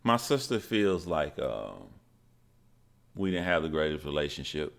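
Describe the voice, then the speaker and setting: A man in his forties speaks in a very low voice. He tells a personal story candidly, with halting starts and a steady, earnest tone. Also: gravelly. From Georgia, USA. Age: 40s.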